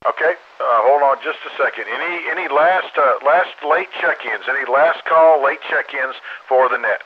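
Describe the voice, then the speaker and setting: A man's voice: on the high side, moderate pace. Male net control, informal and folksy, on a dull two-way radio channel with faint radio static. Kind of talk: casual ham radio net calling.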